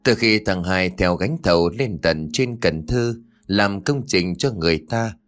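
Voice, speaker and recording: A man narrating a horror story for an audiobook in an expressive storytelling manner. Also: deep voice, unhurried.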